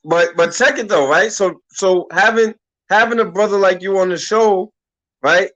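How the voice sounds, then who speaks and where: A man's voice: high voice, normal speed, a bit bright, rough recording. A man in his thirties from Harlem, hosting a radio talk show in a loose, slangy way and often restarting his sentences. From Harlem, New York. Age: 30s.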